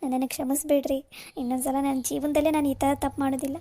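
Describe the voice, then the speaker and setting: Woman voicing a repentant young cartoon wife, tearful pleading, high-pitched, mellow tone. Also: level tone, fast talker. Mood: relieved.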